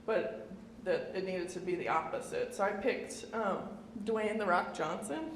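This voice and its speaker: In a casual public talk about her art, a Midwestern woman in her thirties from Indiana speaks at medium pitch without hurrying. Her manner is chatty and self-deprecating, heavy on fillers, and the echoey indoor event room carries faint noise.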